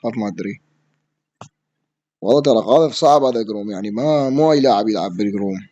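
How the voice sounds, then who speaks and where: A man with an Iraqi Arabic accent giving live gameplay commentary, excitable, yelling at opponents and swearing as he plays. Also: lowish voice, fast, highs cut off. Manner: excitable, yells at opponents and swears mid-play. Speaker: gaming streamer.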